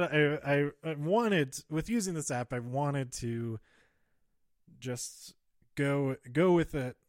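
A man podcasting solo in a halting, rambling way, slightly out of breath as he speaks close to the microphone. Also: on the high side, no echo. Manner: hesitant, halting, trailing off and circling back. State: slightly out of breath, holding back exhales. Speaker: podcast host. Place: close-miked, dry recording. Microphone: handheld or close microphone plugged into a phone.

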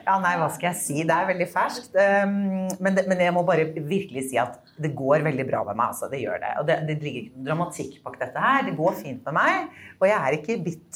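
Lively laughing Norwegian podcast woman. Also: low voice. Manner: laughs often, animated and self-deprecating. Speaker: podcast co-host. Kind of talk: casual chat.

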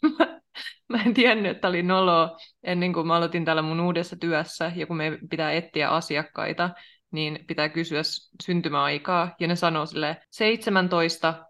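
A young woman co-hosting a podcast, chatting casually in a lively way and laughing often. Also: deep voice. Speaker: podcast co-host. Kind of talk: casual chat.

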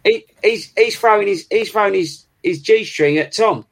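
A British man with a fairly high voice for a male. He banters casually as a co-host, rambling and teasing as he goes. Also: moderate pace, creaky. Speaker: podcast co-host.

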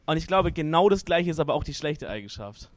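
A man's voice: a little high, lively intonation, quick pace, no echo. A man in casual group chat at a gaming event, hesitant and searching for words, with lots of fillers. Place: noisy event hall at a gaming party.

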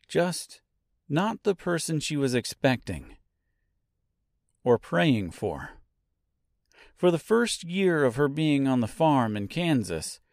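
A man's voice: mid-range voice, a little mellow, no room sound, clean studio sound. A man reading a novel aloud as scripted narration, drawing out key words for drama. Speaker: audiobook narrator.

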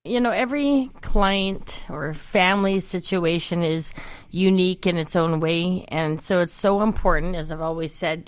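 A woman's voice: deep voice, no echo. A woman speaking as a podcast co-host in an advisory style. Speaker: podcast co-host, financial planner.

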